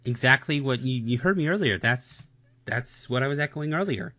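A man's voice: medium pitch, lively intonation, normal speed, pushed and bright. A man in a casual reaction chat, talking bluntly and swearing, often repeating "seriously" and "honestly.". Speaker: music reaction co-host. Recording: dull lo-fi sound.

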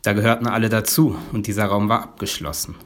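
A man preaching a storytelling sermon at a measured pace, with dramatic pauses, often sinking to a low, quiet voice. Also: steady tone.

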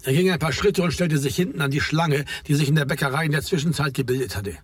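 A man's voice: fairly high pitch, fast, no echo. A man reading a novel aloud in a matter-of-fact way. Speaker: audiobook reader. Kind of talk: scripted narration.

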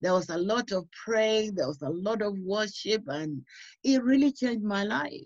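A woman's voice: mid-range voice, expressive, normal speed, a little mellow, no room sound, dull audio. A woman from Uganda, a radio guest, earnestly telling her faith story with frequent "you know". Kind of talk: personal testimony.

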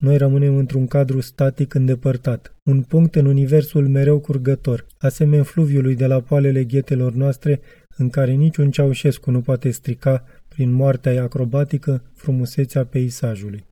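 A man reading a literary audiobook in a measured, reflective way. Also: medium pitch, little pitch movement, warm tone, no echo. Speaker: audiobook reader.

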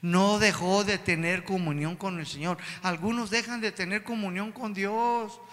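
A man delivers an emphatic sermon, calling again and again to his brothers. His voice sits high and has a sharp, forceful edge. It rings out with a long reverb, as in a large hall. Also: steady tone, measured pace. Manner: emphatic, keeps addressing the congregation as brothers. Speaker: preacher.

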